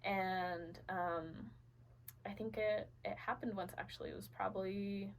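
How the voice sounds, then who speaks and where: A woman's voice: medium pitch, fairly even intonation, measured pace, gravelly, a little hiss or hum, rough recording. A young adult woman from Venezuela, a podcast guest, telling her personal story earnestly with many fillers and restarts.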